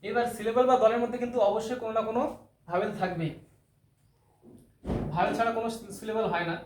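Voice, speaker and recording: A man's voice: sits high, quick pace. A man teaching English grammar, explaining terms step by step, repeating key words and asking rhetorical questions. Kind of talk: classroom-style explanation. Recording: echoey room with faint noise.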